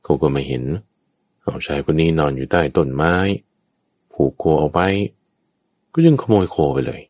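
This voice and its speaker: A man giving a sermon, telling a Buddhist tale in an animated way and often addressing the listeners. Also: extremely low pitch, moderate pace, no echo, clean studio sound.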